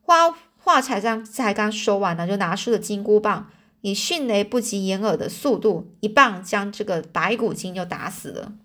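A woman's voice: medium pitch, normal speed, a bit bright. A woman reading a children's storybook aloud, stopping to explain words in a chatty way.

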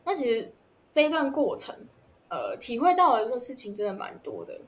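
A young woman, chatting casually and asking questions, with lots of fillers and trailing pauses. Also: on the high side, sing-song, a little hiss or hum. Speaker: interviewer. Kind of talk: casual chat.

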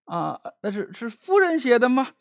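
Bumbling old clerk in a storytelling piece, fawning and slow, as a man puts him on; dry recording. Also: high voice, expressive, fairly bright tone, no room sound, lo-fi sound, pitched above the performer's own voice, full character voice. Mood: puzzled, obsequious. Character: old, half-blind official's secretary, fawning.

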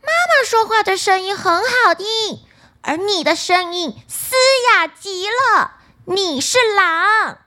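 A woman voicing a group of small young goats, shrill and loud, shouting together. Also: sing-song, measured pace, heavily acted. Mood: defiant.

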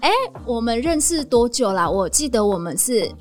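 A woman's voice: fairly high pitch, lively intonation, moderate pace, soft background music. A woman from Vietnam hosting a casual interview podcast, chatting in fluent Mandarin. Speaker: podcast host.

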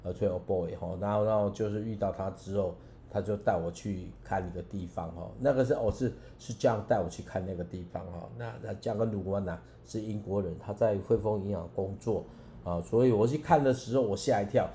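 This radio interview captures a man's personal testimony as a preaching guest, told earnestly and haltingly with many restarts and emphatic rises. A roomy echo carries his low, very dark, mellow voice, and there's slight background noise.

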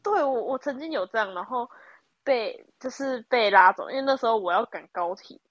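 A woman from Taiwan, telling a quick anecdote in a casual podcast chat. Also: a little high, expressive, a bit bright, dull audio. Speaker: podcast co-host.

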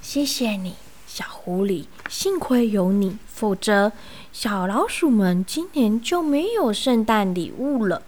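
A woman's voice: on the high side, very animated, slow pace, darkish tone, exaggerated voice. A woman voicing a busy father mouse in a children's story, brushing others off in a rush. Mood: hushed thanks.

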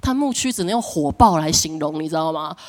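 A middle-aged woman pastor preaching a sermon, telling stories with lively acted-out voices and frequent laughter. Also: low-pitched, brisk. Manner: animated storytelling, acts out quoted voices, laughs often.

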